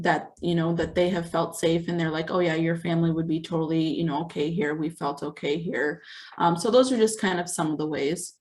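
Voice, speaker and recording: Lower-voiced woman, searching for words. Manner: searching for words, many ums. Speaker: forum panelist. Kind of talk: personal account.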